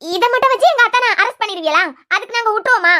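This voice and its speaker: A woman with a Kanyakumari Tamil accent voicing a loud, defiant young woman in a cartoon. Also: very high voice, fast. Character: shrill defiant young woman, loyal sister-in-law.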